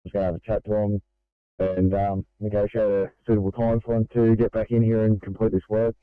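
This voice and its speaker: A man's voice: lowish voice, little pitch movement, brisk, smooth, no room sound. A man giving matter-of-fact emergency services updates over a two-way radio. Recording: tinny narrowband radio transmission.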